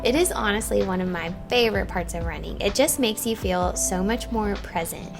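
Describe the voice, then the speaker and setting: A woman's voice: mid-range voice, moderate pace, creaky. A woman hosting a vlog, talking in a casual, conversational style. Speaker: vlog host. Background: music.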